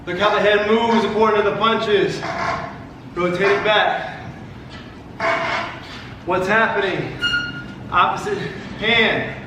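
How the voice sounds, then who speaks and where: A man's voice: high voice, takes it slowly, long pauses. A man working as a fitness coach, calling boxing combos in short cues with encouragement during a workout. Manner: short barked cues and encouragement while exercising. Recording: echoey room, distant mic, background noise.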